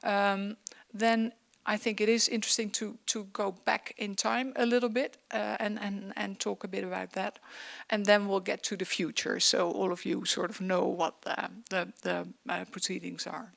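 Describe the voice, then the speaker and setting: A woman moderates a panel in a chatty way, often searching for her words. Her mid-pitched voice has a clear gravelly fry. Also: little pitch movement, normal speed, fairly bright tone.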